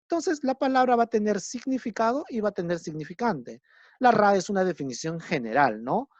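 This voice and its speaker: Man lecturing with lively, shifting pitch. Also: fairly quick, no echo. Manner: checks understanding with frequent tag questions; explains patiently, repeating key terms. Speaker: teacher. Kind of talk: recorded lecture. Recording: dull lo-fi recording.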